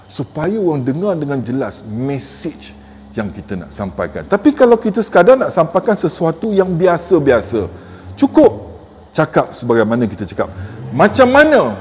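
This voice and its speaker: A man's voice: fairly high pitch, sing-song, normal speed, a little hiss or hum. A man giving casual coaching tips to camera, emphatic and repeating his key points. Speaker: content creator giving tips. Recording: long hall reverb.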